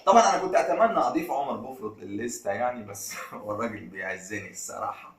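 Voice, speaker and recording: A man's voice: on the low side, expressive, rapid-fire, roomy sound, distant mic, noisy background. A man with an Egyptian accent, a rapper and vlogger chatting loosely in slang between rap takes. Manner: loose, slangy, laid-back talk. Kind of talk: casual chat between freestyle rap takes.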